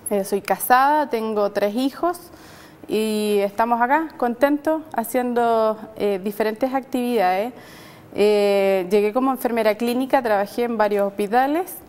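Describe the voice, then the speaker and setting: A middle-aged Chilean woman with a somewhat high voice speaks hesitantly, with frequent filler sounds and tag questions. Her voice carries a long studio reverb. She talks as a guest on a faith program. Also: darkish tone. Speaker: nurse and guest. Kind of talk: faith TV conversation and prayer.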